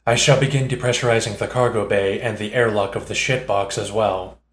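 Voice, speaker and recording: A man voicing a calm, polite male ship computer with a pleasant, formal manner. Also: fairly low pitch, brisk, natural voice. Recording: roomy echo.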